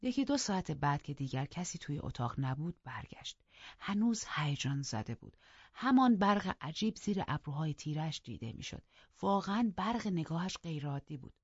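A measured first-person audiobook narration with a husky voice. It is recorded dry and close, with a dull, lo-fi sound. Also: medium pitch, very animated, dry recording. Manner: measured storytelling, hushed at times.

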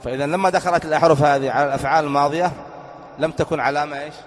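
A man from Yemen teaches Arabic grammar in a classroom lecture. He quizzes his students and repeats the key terms, and his slightly high voice carries a long reverb. It sounds as if it was recorded in a large, echoing hall. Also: fairly even intonation, rapid-fire. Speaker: religious teacher giving a grammar lesson.

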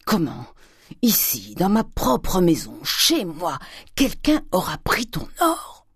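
A reader voicing a domineering, miserly old father who lurches from loud fury to hissed whispers. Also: medium pitch, no echo, clean studio sound, natural voice. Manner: thundering, swinging from shouts to hissed whispers. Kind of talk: audiobook character reading.

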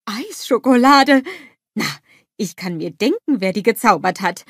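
A woman's voice: fairly high pitch, lively intonation, unhurried, no room sound, clean studio sound. A woman voicing a good-humored, teasing young man in a storybook.

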